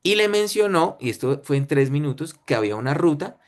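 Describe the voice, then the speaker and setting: A man with a Colombian accent and a high-leaning voice full of big pitch swings speaks fairly quickly. Presenting a webinar, he tells a story lecture-style in short phrases, often checking in with his audience.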